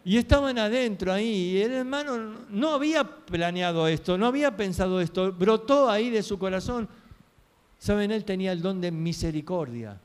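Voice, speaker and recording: A man's voice: sits high, lively intonation, normal speed, smooth. A man preaching a sermon, telling stories earnestly and asking rhetorical questions.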